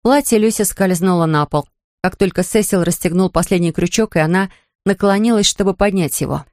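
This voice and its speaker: A man narrating an audiobook in an even, measured reading voice. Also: high-pitched, no room sound, studio quality. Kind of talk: scripted narration.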